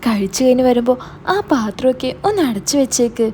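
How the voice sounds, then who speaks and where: A flustered middle-aged mother, played by a woman storyteller fumbles for excuses and hurries her words out. Her voice sits a little high but mellow and warm-toned, with faint background noise. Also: brisk, natural voice. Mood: flustered evasive.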